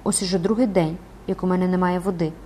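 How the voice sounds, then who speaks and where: A woman's voice: on the low side, fairly even intonation, fast, warm tone, slight background noise, natural voice. A woman voicing an anguished, bitter old female recluse who curses in frenzied cries, reading for an audiobook. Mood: bitter weary. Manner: grim, cursing in frenzied cries.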